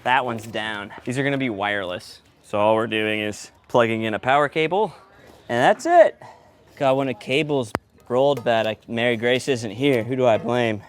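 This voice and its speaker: Working on location, this man, both host and sound engineer, explains his task in a relaxed, teasing way. He speaks at a moderate pace in a mid-range voice, and the on-site recording clearly picks up background noise.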